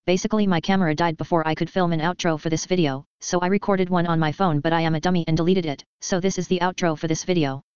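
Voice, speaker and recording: Female robot tts voice, quick and super crisp, kinda dull lo-fi sound. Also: lowish voice, fairly even intonation, darkish tone, no room sound. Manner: robotic synthetic reading. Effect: text-to-speech robot voice. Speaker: video outro narrator.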